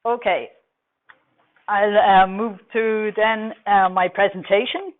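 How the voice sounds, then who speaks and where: A middle-aged Irish woman with a Dublin accent gives a technical conference presentation, talking quickly with many fillers. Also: mid-range voice, steady tone. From Ireland. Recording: tinny phone-like recording.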